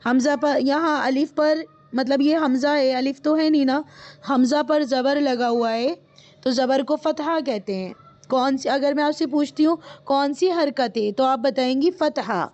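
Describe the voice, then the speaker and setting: A woman's voice: sits high, a little mellow, highs cut off. A woman teaching in a live online class, patiently explaining and repeating each point, then quizzing her students. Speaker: Quran reading teacher.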